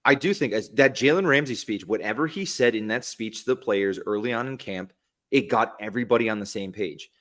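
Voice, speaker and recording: Rambling low-voiced man, podcast co-host. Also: fairly quick, fairly bright tone. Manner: rambling, restarts and corrects himself. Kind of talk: casual sports chat.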